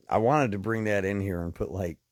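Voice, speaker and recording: A man's voice: on the low side, a little hiss or hum. A man co-hosting a home podcast, joking and stumbling over words in casual banter with his wife. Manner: joking, halting, animated. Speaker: podcast co-host.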